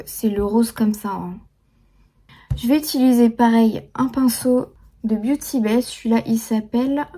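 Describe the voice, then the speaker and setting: A woman's voice: on the high side, warm tone. A young woman chatting casually through a makeup tutorial, full of fillers and restarts. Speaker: beauty vlogger.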